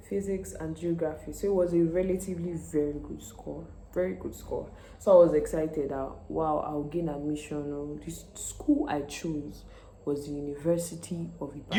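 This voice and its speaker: A Nigerian woman in her twenties telling a story in a casual vlog, animated and quick to laugh, acting out the people in it. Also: deep voice, roomy sound, slight background noise, rough recording. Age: 20s. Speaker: medical student vlogger.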